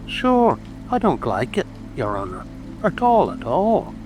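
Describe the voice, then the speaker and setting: A man's voice: fairly high pitch, wildly swooping pitch, measured pace, exaggerated voice. A man voicing a servile, reluctant animal servant with a folksy manner in a dramatic audiobook. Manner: deferential, folksy. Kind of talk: dramatic audiobook character acting. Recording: music and rain ambience behind.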